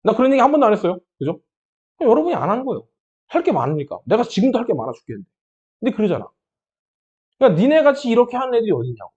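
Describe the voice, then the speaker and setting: A man's voice: high-pitched, huge pitch swings, racing, long pauses, a little mellow, slightly rough, muffled recording. A man teaching math who breaks into an impassioned pep talk, scolding and encouraging his students with rhetorical questions.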